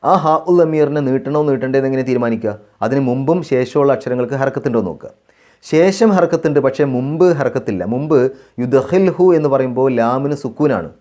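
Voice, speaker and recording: A male Quran teacher from Kerala. He chants verses slowly and melodically, then explains recitation rules calmly step by step, repeating phrases to model the pronunciation. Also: medium pitch. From Kerala, India. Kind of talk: tajweed recitation lesson.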